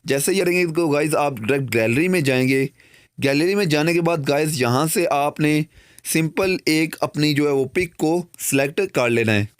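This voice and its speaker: A man's voice: on the high side, moderate pace, smooth, no echo. A young man with a Pakistani Urdu accent hosting a tech tutorial, talking through phone steps and saying "guys" again and again. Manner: repeats "guys" constantly, loose and chatty. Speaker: tech channel host. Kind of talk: screen-recorded tutorial narration.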